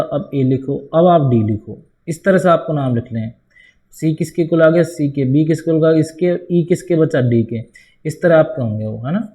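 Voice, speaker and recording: A man walks through a board-exam maths lesson step by step, posing questions to the class and answering them himself. He frequently calls his students "bhai," and his voice is fairly high-pitched with a dark tone.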